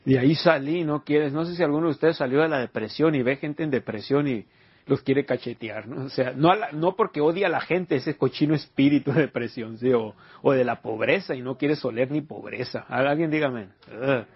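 A man's voice: medium pitch, fairly quick, husky, dry recording, highs cut off. A man preaching an informal sermon, telling personal stories and asking his listeners rhetorical questions. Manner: conversational storytelling with rhetorical questions.

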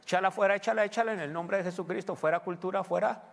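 A man's voice: high-pitched, fast, creaky, long reverb tail. A male pastor preaches a sermon in a church. He talks to the congregation conversationally and often asks them questions.

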